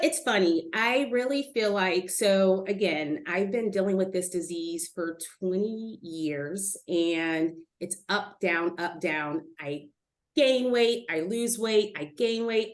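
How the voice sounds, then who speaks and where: Brief: middle-aged woman guest, candid and animated, acts out quotes, casual webinar chat. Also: mid-range voice, slow pace. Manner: lively storyteller, animated quoting of others, laughs easily. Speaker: guest speaker. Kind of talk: casual interview on a video call.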